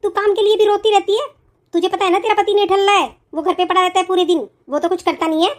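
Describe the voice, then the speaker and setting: A woman's voice: very high-pitched, fairly even intonation, fast talker. A woman doing a harsh cartoon mother-in-law. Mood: scolding. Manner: scolding, threatening. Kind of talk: cartoon voice acting.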